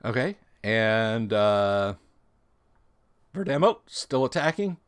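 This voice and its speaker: A man running a tabletop role-playing game as dungeon master, narrating in an unhurried way with plenty of ums and uhs. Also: fairly low pitch, big pitch swings, clear, resonant tone.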